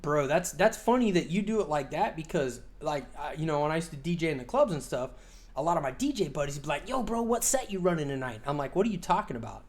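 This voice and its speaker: This is a man in his forties co-hosting a casual podcast, speaking fast and animatedly in a fairly high pitch. He rambles with plenty of fillers, swears freely and laughs often.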